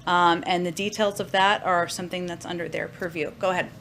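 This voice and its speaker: A woman press secretary answering reporters' questions in a measured way, with frequent filler pauses. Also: fairly low pitch, fairly even intonation, a bit bright, a little hiss or hum. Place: briefing room.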